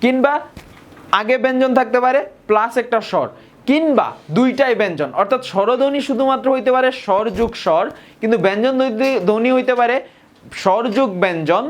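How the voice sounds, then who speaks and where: A young man from Bangladesh, teaching a grammar lesson and often repeating key points and slowing down on example words. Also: very high-pitched. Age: young adult. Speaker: tutor.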